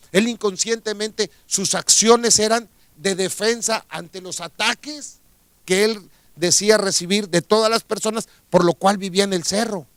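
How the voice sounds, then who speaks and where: A high-voiced man with a Mexican accent preaches a radio sermon, telling a story and posing rhetorical questions to his listeners. There's no echo.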